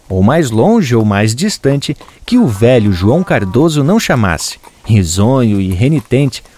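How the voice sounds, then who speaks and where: Brief: male folk storyteller, animated, mid-pitched. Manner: expressive, rhythmic storytelling. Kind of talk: regional folk tale narration.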